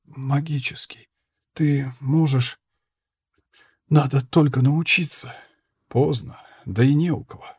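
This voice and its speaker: A man's voice: mid-range voice, steady tone, slow pace, long pauses, breathy edge, no echo, studio quality, voice pushed up. A man reading the part of a dying young woman crossbow fighter, speaking weakly in a faint, breathless half-whisper. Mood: weak pained. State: gravely wounded, weak.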